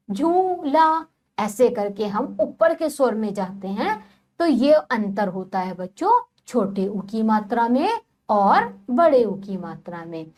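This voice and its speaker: A woman teaches young children from a textbook. Her voice sits high and swings up and down a lot, and she sounds out each word slowly and patiently. She keeps turning to the class with questions. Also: a little mellow. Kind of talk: primary-school Hindi lesson, reading from a textbook.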